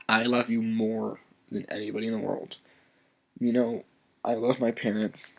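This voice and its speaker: A man vlogger speaking softly and earnestly in an emotional personal video message, halting as he fights back tears. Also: on the low side, creaky. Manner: soft-spoken.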